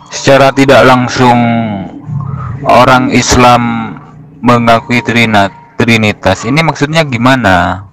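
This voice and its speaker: Slow, calm man in a debate. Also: medium pitch, rough recording. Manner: calm, measured, asks questions plainly. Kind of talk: voice-note debate.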